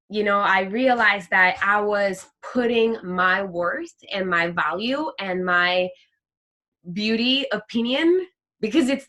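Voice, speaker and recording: A woman talking as an interview guest about her faith, animated and heartfelt, often acting out the voices she quotes. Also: mid-range voice. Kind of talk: heartfelt faith testimony in conversation.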